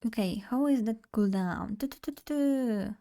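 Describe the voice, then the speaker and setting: In a fairly high, mellow voice at a moderate pace, a young Polish vtuber chats bubbly and casually with her stream, speaking straight to her chat.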